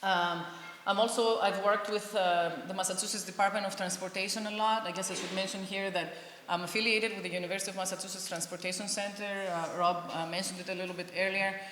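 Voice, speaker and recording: A woman's voice: medium pitch, steady tone, fast, fairly bright tone. Greek-born woman lecturing in an echoey hall. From Greece. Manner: friendly, frequent ums, explanatory. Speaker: panelist, engineering professor. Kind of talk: conference talk. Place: event hall. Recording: echoey hall with faint hiss.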